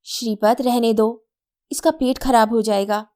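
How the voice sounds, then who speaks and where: A woman voicing a strict, sharp-tongued elder sister and mother who scolds and mocks. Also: a little high, steady tone, a little slow, lightly acted. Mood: scolding. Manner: scolding, sarcastic.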